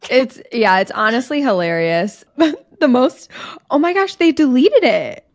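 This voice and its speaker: A woman's voice: sits high, very animated, measured pace, no room sound, clean studio sound. A woman co-hosting a casual podcast, talking in a chatty, emphatic way. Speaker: podcast co-host. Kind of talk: casual chat.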